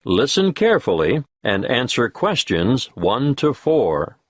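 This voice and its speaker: A man with a husky voice reading test instructions in a measured, formal way. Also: mid-range voice, sing-song, no room sound. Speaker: exam announcer.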